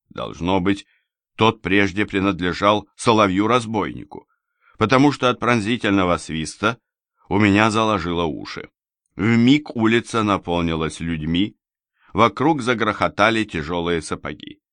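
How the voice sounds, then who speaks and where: A man reading a first-person novel aloud as an audiobook narrator, measured and dramatic. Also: fairly low pitch, lively intonation, a bit bright, no room sound.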